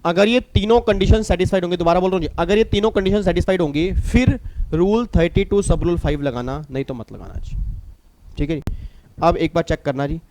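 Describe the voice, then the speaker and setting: Middle-aged indian guy lecturing on tax, bit high voice, repeats stuff, scolds sleepy kids. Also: fairly quick, slight background noise. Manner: lively, repeats points, scolds and teases students. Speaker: tax teacher. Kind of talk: recorded classroom lecture.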